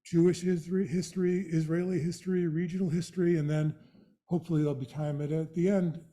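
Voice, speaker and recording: Older male lecturer. Vocal fry, mellow relaxed tone, halting explanatory delivery to a live audience. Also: on the high side. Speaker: guest speaker, retired executive director. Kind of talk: educational presentation to a live audience.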